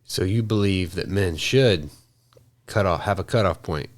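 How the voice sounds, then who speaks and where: A man's voice: low-pitched, measured pace. A man on a casual podcast, asking questions and giving his view in a laid-back way. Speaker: podcast co-host. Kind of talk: casual debate chat.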